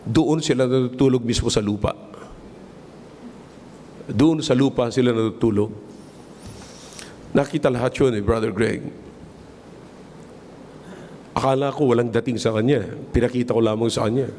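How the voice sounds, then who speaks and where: Pastor preaching in a reverberant church. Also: male voice, mid-range voice, moderate pace, long pauses, dark tone, a little hiss or hum. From Philippines. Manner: storytelling preaching, mixing Tagalog and English; repeats and restarts words for emphasis. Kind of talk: sermon. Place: church hall. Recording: long church reverb, faint room ambience.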